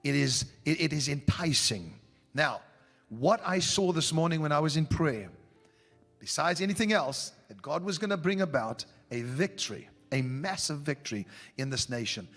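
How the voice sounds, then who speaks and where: A man's voice: fairly high pitch, expressive, moderate pace. A man preaching a fervent prophetic sermon, calling out to the congregation. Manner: fervent, rising to shouts, talks to the audience. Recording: long hall reverb with faint music.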